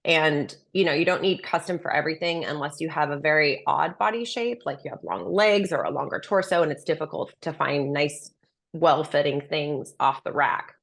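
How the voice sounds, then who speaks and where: A woman's voice: low-pitched, normal speed, gravelly. A woman speaking as a dating coach in a conversational interview, explaining things and giving opinionated advice. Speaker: dating and relationship coach, menswear stylist.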